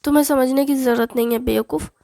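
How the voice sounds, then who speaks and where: A woman voicing a bossy, loud middle-aged mother who scolds and teases her children. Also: sits high, fairly even intonation, fast, gravelly. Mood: scolding. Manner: scolding, teasing, commanding.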